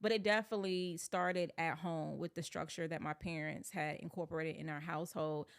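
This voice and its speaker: A woman's voice: low-pitched, steady tone, a little fast, gravelly, smooth. A young woman raised in North Carolina, a sports PR manager, telling her story in an upbeat way as a podcast guest. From born in Alabama, raised in North Carolina. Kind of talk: casual interview chat.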